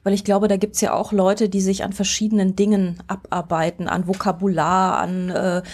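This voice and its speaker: A woman's voice: medium pitch, flat delivery, moderate pace, darkish tone, slightly rough. A woman hosting an interview, asking questions in a hesitant, friendly way with many fillers. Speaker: interviewer, host. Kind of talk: conversational interview.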